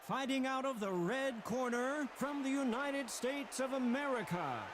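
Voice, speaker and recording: A man playing a boxing ring announcer giving slow, formal, drawn-out introductions. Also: extremely high pitch, animated, a crowd in the background, noisy background. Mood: ceremonial.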